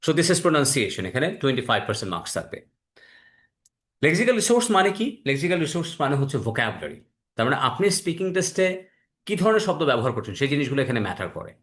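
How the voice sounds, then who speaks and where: A man from Bangladesh, teaching an online IELTS class. He mixes Bengali with English phrases, asks questions and answers them himself, and draws out his English words slowly and carefully. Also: on the high side, fairly bright tone.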